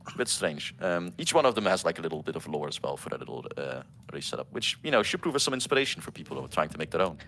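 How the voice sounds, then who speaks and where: A man who develops games, giving casual commentary over gameplay with many pauses and restarts. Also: deep voice, very animated, a bit bright, a little hiss or hum. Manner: halting, full of ums and restarts. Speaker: game developer co-hosting a gameplay stream.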